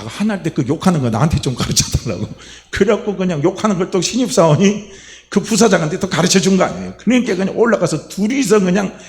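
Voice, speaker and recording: A man's voice: fairly high pitch, a little mellow, slight background noise. A man preaching a sermon as a pastor, repeating phrases and building into emphatic declarations. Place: church sanctuary. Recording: echoey church hall, faint ambience.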